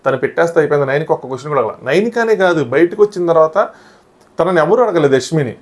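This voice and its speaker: Fast-talking man recapping a show. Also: fairly high pitch. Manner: animated retelling of events, often quoting others. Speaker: TV show reviewer. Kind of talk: casual episode review recap.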